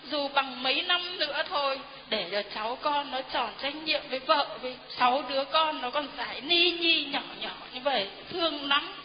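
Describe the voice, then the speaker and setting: A woman's voice: high voice, slight background noise. A middle-aged woman giving an earnest, deferential testimony to a priest in a church hall. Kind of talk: heartfelt spoken testimony. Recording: dull reverberant hall recording.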